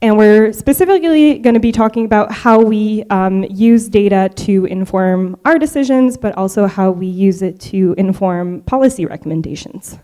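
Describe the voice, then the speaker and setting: A woman's voice: medium pitch, moderate pace, hardly any pauses, warm tone. A woman marine scientist giving a conference presentation, chatting with the audience in a friendly way. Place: conference hall.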